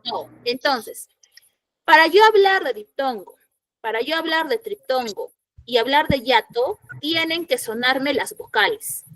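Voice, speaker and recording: A woman's voice: high-pitched, lively intonation, a little slow, a bit bright, no echo. A woman teacher giving an online school lesson, quizzing her students and repeating the key points. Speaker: secondary school language teacher. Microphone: computer mic in an online class.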